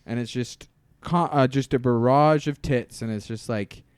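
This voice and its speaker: A man from Canada in his thirties chats bluntly on a podcast, making crude jokes. His voice is smooth and resonant at a middle pitch. The sound is dry and close. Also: a little slow, darkish tone, no room sound. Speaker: podcast co-host. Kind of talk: casual chat.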